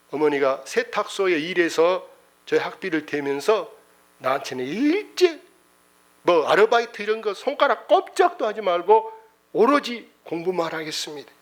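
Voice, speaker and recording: A man voicing an earnest, humble young job applicant who answers questions about his studies. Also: sits high.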